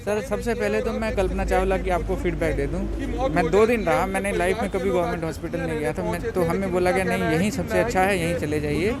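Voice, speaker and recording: A man's voice: high-pitched, fairly quick. A man giving agitated testimony to a reporter outdoors about his relative's care. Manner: agitated, quotes others in dialogue. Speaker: relative of the deceased, interviewee. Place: outdoors at a cremation ground.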